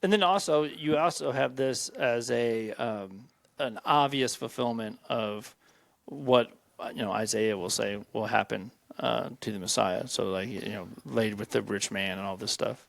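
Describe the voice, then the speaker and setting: Gravelly-voiced man thinking aloud. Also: mid-range voice, measured pace, dry recording. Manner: talks through ideas aloud, many fillers. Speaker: podcast co-host. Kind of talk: casual Bible discussion.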